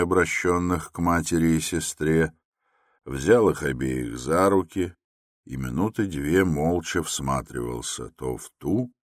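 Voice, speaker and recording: A man narrating an audiobook in a measured, even manner. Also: a bass voice, no room sound, clean studio sound.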